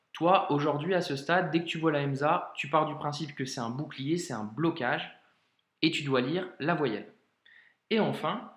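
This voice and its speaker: A man with a fairly high voice gives an informal reading lesson, speaking to the learner directly and cheering them on. He talks very slowly and spells out each word with care. The sound bounces around a reverberant room. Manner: slows down to sound out words carefully. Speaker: Arabic reading teacher.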